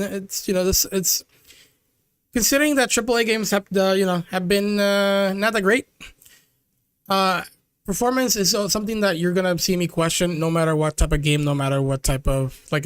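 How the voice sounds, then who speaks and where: A young man with a notably high voice streams live and talks casually to his viewers, loose and chatty. The sound is dry and close, with no room around it. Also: clean tone, no echo. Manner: chatty, loose, calls the audience "dude" and "chat".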